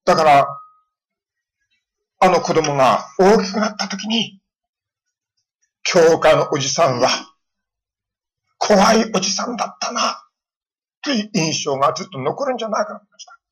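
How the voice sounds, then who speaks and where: Middle-aged man, pastor giving a storytelling sermon, husky tone, animated delivery. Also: a little high, normal speed, long pauses, poor audio. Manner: storytelling with lively voiced quotes of children.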